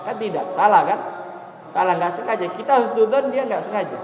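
A man teaching a religious study lecture, lively, often checking with his listeners whether they follow. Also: sits high, a little fast, a crowd in the background. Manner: lively, asks the audience "paham?" often, talks with them. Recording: echoey hall, dull muffled sound, noisy.

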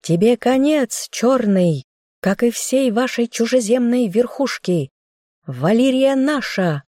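A woman voicing an arrogant, treacherous young man, a squire in armor who shouts threats. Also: fairly low pitch, normal speed, no room sound, clean studio sound, lightly acted. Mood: threatening. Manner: shouting, menacing.

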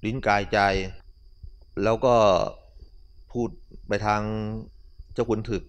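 A man, a Buddhist monk, giving a morning dharma talk as a relaxed, conversational story with casual asides. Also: lowish voice, slow pace.

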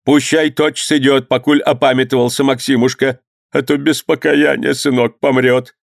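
A man's voice: mid-range voice, little pitch movement, moderate pace, creaky, dry recording, clean studio sound, voice pushed up, close to an everyday voice. A man doing a wailing old mother. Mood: grumbling. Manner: wailing folk lament, drawn out. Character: old woman, wailing grieving mother, cross.

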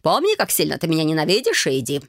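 Reader doing a smug young guy genius, greedy, slow and pleased with himself, dry audio. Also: mid-range voice, huge pitch swings, no room sound.

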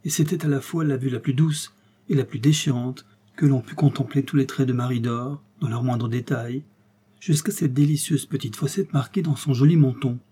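A man reading a classic tale aloud as an audiobook narrator, measured and expressive. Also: medium pitch, husky.

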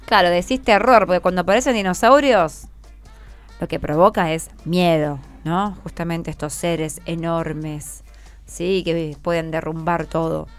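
On a community radio programme, an Argentine woman with a lowish, steady, unhurried voice interviews schoolchildren, guiding the question-and-answer with short prompting, encouraging follow-ups. Music plays behind her voice.

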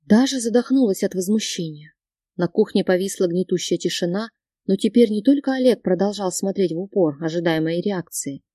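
A woman reading a first-person audiobook with steady, expressive narration. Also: mid-range voice, a little fast, slightly rough, dry recording, studio quality.

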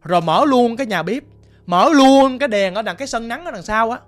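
A man with a Southern Vietnamese accent telling a ghost story in a chatty, colloquial way, swinging between hushed and loud. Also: very high voice, lively intonation, fairly quick, faint music behind. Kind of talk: spoken ghost story narration.

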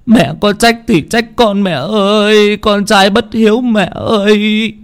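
A man's voice: fairly even intonation, takes it slowly, smooth. A man voicing a grieving middle-aged son who wails and sobs to his dead mother. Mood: wailing grief. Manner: high wailing sobbing cry.

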